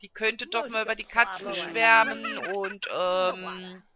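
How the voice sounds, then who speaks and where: A woman's voice: medium pitch, steady tone, slow pace, crowd noise. A woman casually commenting on her own gameplay, chatty and coaxing, talking to her game characters like children. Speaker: let's play gamer.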